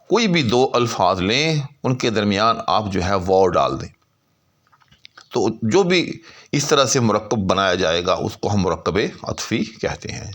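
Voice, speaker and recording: A middle-aged man giving a lesson on pronunciation and meaning, explaining step by step and drawing out words slowly to show how they are said. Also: medium pitch, a bit bright. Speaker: Urdu language and poetry teacher.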